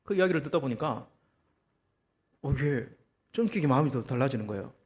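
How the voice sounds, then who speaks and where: A man preaching a sermon as pastor, telling a story with lively, acted-out quotes and rhetorical questions to the congregation. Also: mid-range voice, brisk, in a large hall. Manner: animated storytelling, acting out quoted voices. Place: church.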